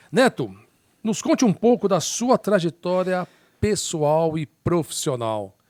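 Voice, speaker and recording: A man with a somewhat high voice co-hosting a podcast, animated and joking as he talks straight to the listeners. The sound is dry and close, with no room around it. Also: slow, no echo. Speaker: podcast co-host. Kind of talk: lively podcast chat.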